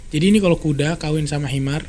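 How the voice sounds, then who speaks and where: Brisk, animated man. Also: on the high side, slight background noise. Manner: brisk, animated retelling with quoted dialogue. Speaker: storyteller guest. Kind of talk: casual podcast storytelling.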